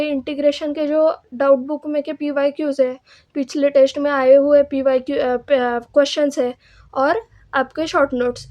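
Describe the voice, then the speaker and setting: A woman's voice: high voice, darkish tone, no echo. A young woman from Maharashtra gives exam revision advice. She explains each step and asks herself rhetorical questions along the way. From Maharashtra, India. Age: young adult. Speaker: student giving exam advice. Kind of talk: casual advice vlog.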